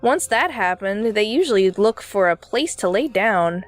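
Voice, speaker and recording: A woman's voice: mid-range voice, expressive, moderate pace, faint music behind, lightly acted. A woman reading game dialogue aloud, voicing a baby character as a world-weary old man who rambles through his stories.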